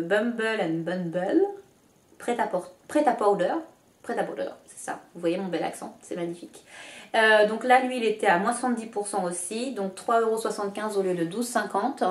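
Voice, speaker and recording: A woman's voice: medium pitch, a little mellow. A woman from France chatting casually about her shopping haul, with many hesitations and self-mocking asides. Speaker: beauty vlogger. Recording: echoey room.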